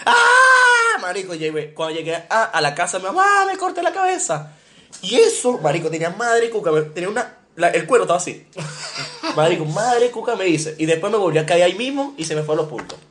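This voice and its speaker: A man's voice: high-pitched, fast, slight background noise. A young man with a Venezuelan accent, co-hosting a podcast and telling childhood stories in casual chat, acting out sounds and cries as he goes. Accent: Venezuelan Spanish. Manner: animated storyteller, acts out sounds and cries. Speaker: podcast co-host.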